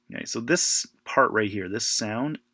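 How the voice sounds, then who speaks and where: A man teaching an informal audio editing lesson, thinking aloud in a relaxed way. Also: medium pitch, slightly rough, dry recording. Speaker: music teacher. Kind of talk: casual screen-recorded audio editing tutorial.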